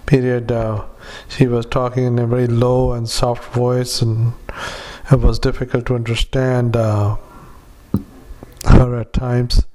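A man dictating a patient note into a dictaphone, halting with many fillers and reading out punctuation and paragraph breaks. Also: medium pitch, flat delivery, mellow. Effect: dictaphone recording. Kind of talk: medical dictation into a recorder.

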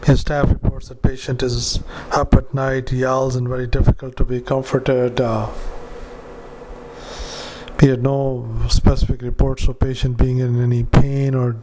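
A clinician dictating a patient report into a dictaphone, halting with frequent filler sounds and restarts. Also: male voice, medium pitch, level tone, mellow, a little hiss or hum, low-quality recording. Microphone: handheld dictaphone.

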